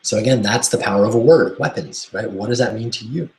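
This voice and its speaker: A man's voice: lowish voice, fast talker, slight background noise. Enthusiastic man teaching a webinar. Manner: enthusiastic, keeps asking "right?". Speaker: self-help coach. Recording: roomy echo.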